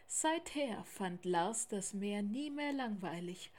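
A woman reading a children's story aloud in a slow, clear, measured way. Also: mid-range voice, lively intonation, darkish tone.

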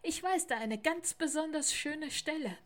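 A woman voicing an earnest, excitable young male polar bear cub in a storybook reading. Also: high voice, normal speed, pitched above the performer's own voice. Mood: eager. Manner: eager, slightly breathless.

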